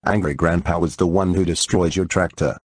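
A man's voice: deep voice, fairly even intonation, fairly quick, husky, dry recording. A man voicing a stern cartoon police officer who speaks in an official manner.

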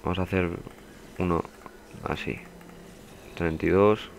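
A man's voice: low-pitched, fairly even intonation, measured pace, creaky, slight background noise. A young man giving casual, swearing let's play commentary as a gaming youtuber. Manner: swearing, chatty, bursts into panicked yelling.

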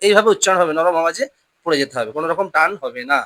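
Patient quran teacher drilling a student, slows way down on each word, clear bright voice, super dry sound. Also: mid-range voice, animated, no echo. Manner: patient, repeats questions, slows down to model pronunciation. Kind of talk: lesson with call-and-response drilling.

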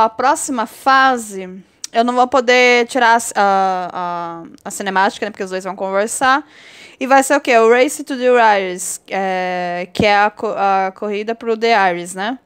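A woman with a Brazilian Portuguese accent giving casual, expressive commentary over her own gameplay, chatty and quick to swear. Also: on the high side, clear, resonant tone. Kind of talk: casual let's-play commentary.

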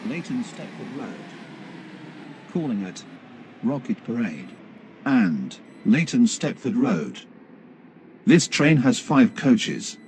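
Guy doing a station announcer man, slow formal clipped phrases, railway noise in the back. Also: medium pitch, very animated, darkish tone. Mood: measured, formal. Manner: measured, formal, list-like phrasing. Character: male automated station platform announcer.

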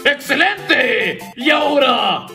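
A man's voice: very high-pitched, lively intonation, slow pace, pushed and bright, pitched above the performer's own voice, full character voice. Guy doing a mustache twirling skeleton monster villain for a toy skit, swoopy gloating voice, music behind. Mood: gleeful menace. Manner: mustache-twirling villain, theatrical with evil laugh. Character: gloating undead monster villain, scheming against a hero. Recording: music behind, roomy echo.

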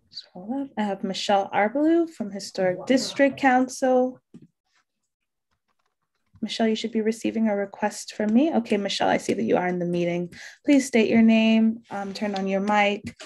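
Brisk woman calling speakers. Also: mid-range voice, a little mellow. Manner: brisk, businesslike. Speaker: hearing staff calling testifiers. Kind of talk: procedural instructions.

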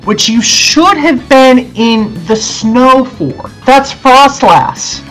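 A young man in casual gameplay chat, explaining things in a halting, conversational way. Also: extremely high pitch, lively intonation, fairly bright tone, soft background music, poor audio. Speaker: gaming challenge player.

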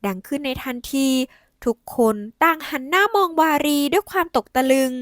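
A woman narrating an audio novel in an expressive, dramatic scripted style. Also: high-pitched, normal speed, dry recording, studio quality.

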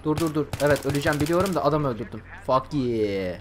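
Young guy gaming, voice jumps all over, a bit high, swears and yells a lot, faint hiss and game noise behind. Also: fast. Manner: excitable, swears often, bursts into shouts. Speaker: gameplay commentator. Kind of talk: casual gaming chat.

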